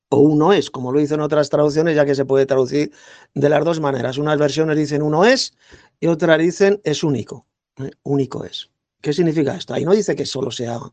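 A man's voice: on the high side, creaky, a little mellow, no echo. A man arguing scornfully in a heated religious debate, lecturing his opponent. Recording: dull lo-fi dry recording.

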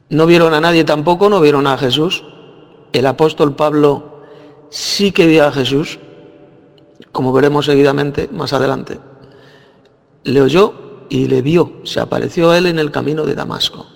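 A man's voice: fairly high pitch, gravelly, in a large hall. A man teaching from the Bible, explaining it verse by verse and answering his own questions. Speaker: preacher.

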